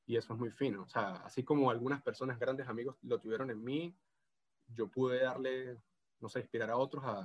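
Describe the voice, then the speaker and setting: In a casual video interview, a Venezuelan guest in his thirties speaks with an Andean gocho accent, talking hesitantly and restarting often. His voice is mid-range and steady, and he talks a little fast.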